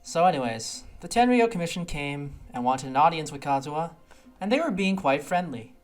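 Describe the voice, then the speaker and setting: A fairly quick, medium-pitched voice with lively intonation delivers off-the-cuff, opinionated commentary on a game quest. The tone is casual and conversational, with music playing underneath.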